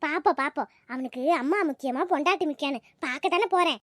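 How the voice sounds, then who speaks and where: A woman voicing a sharp-tongued old village grandmother in a cartoon, with a scolding, grumbling manner. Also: sits high, fast talker, natural voice. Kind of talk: cartoon voice acting.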